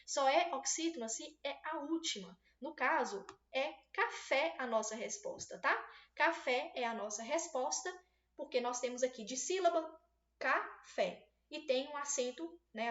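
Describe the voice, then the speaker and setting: High-voiced woman teaching in a roomy space. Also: moderate pace, fairly bright tone. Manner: patient, explanatory, checks in with students often. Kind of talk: exam-prep video lesson. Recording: roomy, slightly dull recording.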